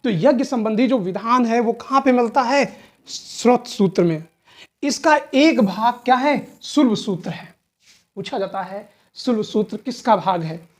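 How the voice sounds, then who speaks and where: A woman with a north Indian Hindi accent gives an exam-prep history lecture. Her voice sits a little high. She poses questions, answers them herself and repeats the key terms, often tagging on "theek hai na". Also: animated, a little slow, darkish tone. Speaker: history teacher.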